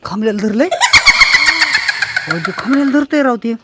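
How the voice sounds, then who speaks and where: A man acting in a village comedy skit, urging and hushing the children around him with bossy commands. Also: very high voice, expressive, brisk, heavy background noise. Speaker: adult leading children in a skit. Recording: loud music behind the voice.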